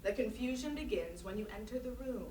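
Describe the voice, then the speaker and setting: In a staged reading, a woman plays a grandiose, earnest conceptual artist lecturing emphatically in a mock interview, lofty in mood. Her voice is a little high, expressive, a little fast, dark, and close to everyday speech. The distant mic captures a reverberant room and a noisy hall.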